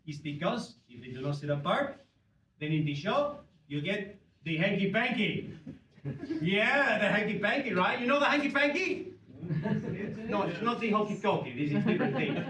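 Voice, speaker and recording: An actor with a Spanish accent playing a flirtatious, cheeky gentleman in a live theatre, teasing the audience in broken English. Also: sits high. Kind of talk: stage performance with audience interaction. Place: theatre auditorium. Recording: roomy theatre recording from far off, with hall noise.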